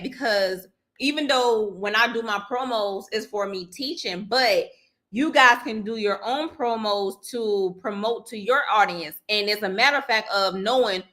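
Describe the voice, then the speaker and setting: A woman's voice: a little high, bright, forceful tone. A woman hosting a live online workshop, chatting casually with viewers, laughing easily and talking through her steps with lots of fillers. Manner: chatty, frequent fillers and restarts, addresses viewers directly. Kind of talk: casual live-stream teaching.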